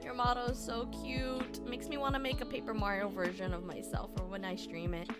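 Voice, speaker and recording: A young woman who streams as a VTuber chats casually with her live chat and giggles along. Her voice is on the high side, a little fast and flat in delivery, with a slightly scratchy throat, and music plays behind her.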